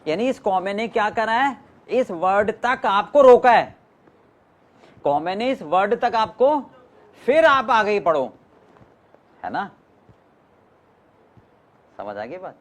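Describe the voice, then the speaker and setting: A man's voice: high voice, sing-song, slow, long pauses, a bit bright. A man teaching a class, mixing Hindi and English, often stopping to question his students. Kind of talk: classroom lecture.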